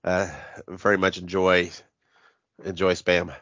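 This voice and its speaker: A man's voice: sits low, completely flat delivery, slow pace, a bit bright, no echo, muffled recording. Congested, boxed-in man hosting a podcast. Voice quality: congested, stuffy, boxed-in sound. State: sick with head congestion. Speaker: podcast co-host. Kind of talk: casual horror movie review podcast chat.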